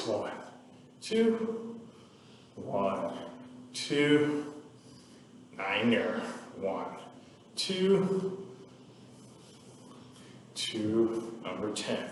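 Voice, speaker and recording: A man leading a guided movement workout, calmly counting reps and cueing stretches with the odd joking aside. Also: medium pitch, slight background noise. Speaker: fitness instructor. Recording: echoey room from far off with faint ambience.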